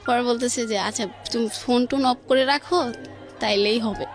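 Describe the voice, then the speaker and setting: Speaking at a normal rate, this woman has a fairly high voice with fairly level intonation and a Bangladeshi accent. She relates a personal anecdote in an informal, colloquial way, moving from event to event with quoted dialogue, while faint music plays in the radio studio.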